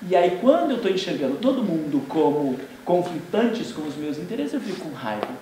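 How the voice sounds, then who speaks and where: A man with a Brazilian accent giving a lively seminar talk as a spiritist lecturer, acting out everyday scenes. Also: fairly high pitch, a little fast. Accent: Brazilian Portuguese. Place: indoor seminar room. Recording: very echoey room from far off, faint noise.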